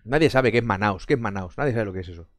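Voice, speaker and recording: Rattling along at a rapid-fire pace, a man from Spain answers his live-stream chat with jokey sarcasm, frequent laughter, and plenty of swearing. His voice is fairly low, and his intonation is lively, rising and falling. A close mic keeps the audio dry and free of echo.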